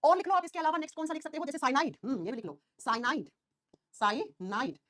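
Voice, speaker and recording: Woman teacher, high lively voice, very fast talk, dry close sound. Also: no echo. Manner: rapid, animated, questioning students constantly. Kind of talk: online class lecture.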